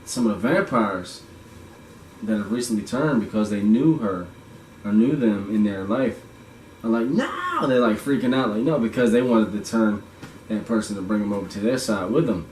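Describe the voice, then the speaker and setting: A man's voice: on the low side, moderate pace, a little mellow. A man hosting a casual movie review chat, laid-back and slangy, laughing often. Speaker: podcast host. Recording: echoey room, mic far off, faint noise.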